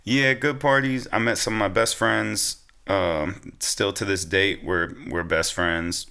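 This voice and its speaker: A young man from Pennsylvania, United States, talks casually and with slang as a guest on a podcast interview. His voice is on the low side, slow and steady, creaky yet bright, forceful, clear and resonant.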